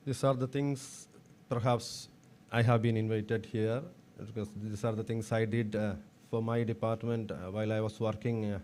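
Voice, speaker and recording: Subdued, sore-throated Indian man, dark voice. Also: fairly low pitch, level tone, slight background noise. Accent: Indian, Kerala. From Kerala, India. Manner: formal, halting with repeated words. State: sore throat, unable to speak loudly. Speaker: guest speaker, veterinarian. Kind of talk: prepared motivational research talk.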